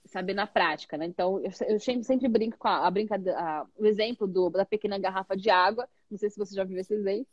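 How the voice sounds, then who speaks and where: A woman English teacher talks with a student in a relaxed interview, her voice at a middle pitch. She explains things with lively examples and keeps checking in with her listener. The recording is dry and close. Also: quick pace, few pauses, no room sound, lo-fi sound. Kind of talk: casual interview chat.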